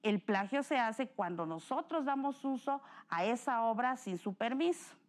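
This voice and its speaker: Mexican accent, woman, teacher, recorded lesson, patient, self-correcting, slightly high pitch. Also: expressive, normal speed.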